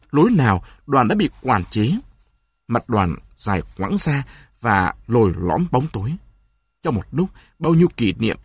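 A man narrating a story in an expressive, dramatic reading. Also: mid-range voice, breathy edge, no room sound, clean studio sound.

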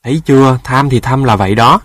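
A man's voice: medium pitch, a little fast, fairly bright tone, slightly rough, dry recording, clean studio sound. A man voicing a sly male dog in a storybook tale who scolds and lectures in a mocking way.

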